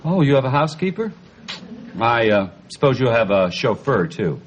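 A man's voice: mid-range voice, very animated, moderate pace, slight background noise, close to an everyday voice. A middle-aged man playing a bemused, patient office supervisor in a television sitcom, with a dry, questioning manner. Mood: incredulous. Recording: muffled TV soundtrack, loud studio audience.

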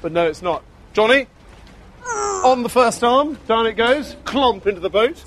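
A man who is a contestant builder, pitching his plan in casual talk. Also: animated, normal speed, fairly bright tone, slight background noise. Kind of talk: casual explanation.

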